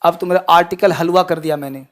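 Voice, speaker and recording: A man teaching a class in a lecture style, constantly quizzing his students and swinging between loud emphasis and quiet asides. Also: a little high, steady tone, fast talker. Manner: addresses students with frequent quizzing questions.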